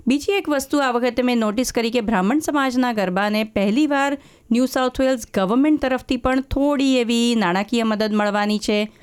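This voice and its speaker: A woman's voice: fairly high pitch, fairly quick, smooth. A woman hosting a studio radio interview in a friendly way, mixing some English into her questions. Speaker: radio host.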